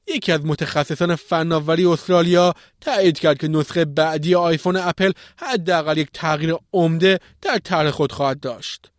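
Higher-voiced man reading news, dry sound. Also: no room sound. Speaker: podcast news presenter.

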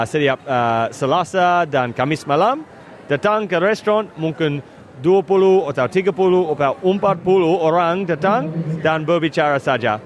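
An Australian man, a native English speaker, giving interview answers in halting, simple Indonesian as a foreigner, with English words mixed in. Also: fairly high pitch, dull audio. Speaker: member of state parliament, interviewee.

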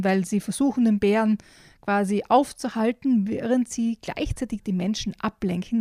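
Woman, children's book reviewer, casual chat, enthusiastic, frequent fillers, mellow tone, dry close sound. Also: mid-range voice, no room sound.

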